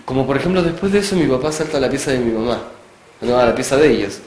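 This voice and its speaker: A man with a Chilean accent hosting a casual radio chat, telling rambling anecdotes in a relaxed, chuckling way. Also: mid-range voice, very fast. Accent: Chilean Spanish. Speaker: radio show host. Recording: echoey room with music behind.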